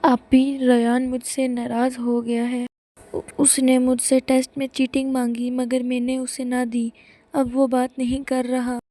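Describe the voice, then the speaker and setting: Woman voicing a calm earnest schoolboy. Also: sits high, natural voice. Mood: sad. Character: calm principled schoolboy, steady friend.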